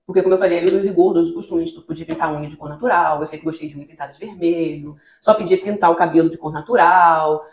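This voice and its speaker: Fast-talking Brazilian woman pastor, echoey room. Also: on the low side. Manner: lively storytelling, acting out her own dialogue with God. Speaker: pastor, children's ministry leader. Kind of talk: testimony in a church podcast interview.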